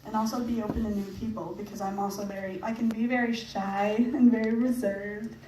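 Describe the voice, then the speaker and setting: Over a noisy crowd, a young woman with a mid-range, steady voice talks fairly quickly about her mission trip to a church audience. She's casual and chatty, laughs a lot, and leans on fillers; the church hall echoes and the distant recording carries faint noise.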